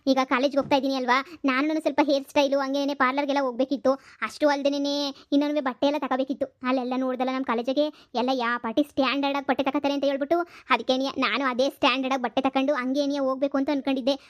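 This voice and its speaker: A woman's voice: high-pitched, little pitch movement, racing, lightly acted. A woman voicing a sulky, vain young wife from a village who has started college, whining and snapping in a cartoon comedy. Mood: wheedling. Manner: whiny, sulking, sharp-tongued.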